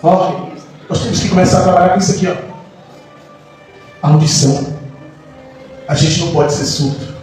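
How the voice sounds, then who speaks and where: A man, a pastor, preaching a sermon with passion, moving between soft lines and shouts. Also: on the high side, steady tone, normal speed, long pauses, faint music behind. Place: church hall. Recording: echoey church hall, mic far off, faint noise.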